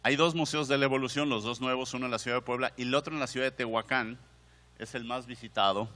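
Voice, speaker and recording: This museum director, a man with a Mexican Spanish accent, lectures at a conference in a chatty style, asking the audience questions and often redoing his phrases. His steady mid-range voice moves at a quick pace, bright and forceful, with a long hall reverb on the recording.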